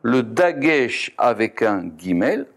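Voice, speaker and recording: A man's voice: medium pitch, big pitch swings, slow. Man teaching Kabbalah, self-correcting. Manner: reads Hebrew terms then explains in French, self-correcting. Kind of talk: Kabbalah text study lesson.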